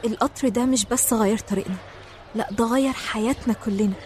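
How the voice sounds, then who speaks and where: A woman playing a gentle, forgiving Egyptian woman in a TV drama, speaking softly and reassuringly. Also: on the high side, quick pace, a little hiss or hum, close to an everyday voice. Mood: resolute. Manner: soft, reassuring. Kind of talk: TV drama acting.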